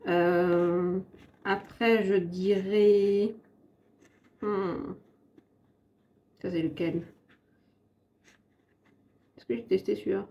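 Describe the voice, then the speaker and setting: A woman's voice: medium pitch, steady tone, very slow, long pauses, highs cut off. Chatty French woman reviewing makeup. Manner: chatty, rambling, self-correcting. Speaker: beauty vlogger. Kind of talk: casual makeup and perfume review.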